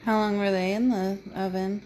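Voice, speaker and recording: A woman's voice: mid-range voice, level tone, moderate pace, a little mellow, slight background noise. A woman off camera asking the cook short, plain questions in casual conversation.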